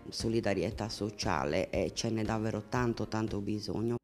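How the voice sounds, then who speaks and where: A man's voice: on the low side, normal speed. A man giving a spoken testimony in a documentary. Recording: faint music behind.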